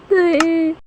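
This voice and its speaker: A woman's voice: sits high, dark tone, a little hiss or hum. A young woman giving casual, panicky gameplay commentary, often shrieking and laughing. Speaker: gaming streamer.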